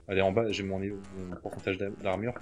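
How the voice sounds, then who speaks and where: A man's voice: deep voice, flat delivery, normal speed, a little mellow, faint music behind. A young adult man giving casual, hesitant gameplay commentary, full of fillers and offhand swearing, on a desk mic with mouse clicks. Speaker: let's play gamer. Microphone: desk mic near mouse and keyboard.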